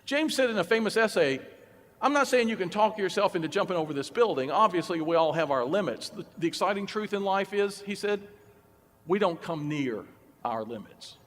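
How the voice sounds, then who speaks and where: Animated man telling a story in a hall. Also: high-pitched, a little fast, a little hiss or hum. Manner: animated, acts out dialogue with changing voices. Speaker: speaker. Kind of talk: storytelling keynote talk. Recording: speaker in a hall with long reverb.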